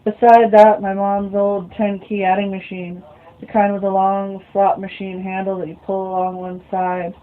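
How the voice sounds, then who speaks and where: A woman's voice: medium pitch, level tone, moderate pace. A woman reading a novel aloud as a storyteller, muttering short asides to herself between passages. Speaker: reader. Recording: phone-like lo-fi recording.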